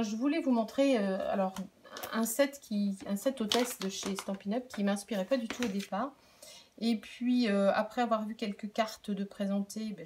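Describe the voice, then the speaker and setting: A middle-aged woman casually showing her craft purchases in a vlog, talking in a chatty, hesitant way with many fillers and restarts. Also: medium pitch. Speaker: crafting vlogger and product demonstrator. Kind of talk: casual show-and-tell vlog. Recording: faint background noise and clicks.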